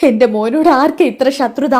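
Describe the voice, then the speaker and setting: A grieving mother, weeping and pleading, full of remorse, as a woman narrator voices her. Her voice rises high when it breaks and turns emotional. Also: normal speed, darkish tone. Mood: distraught.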